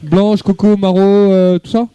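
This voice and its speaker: A man's voice: high voice, flat delivery, a little slow, muffled recording, crowd noise. A man co-hosting a radio show, bantering casually in street slang.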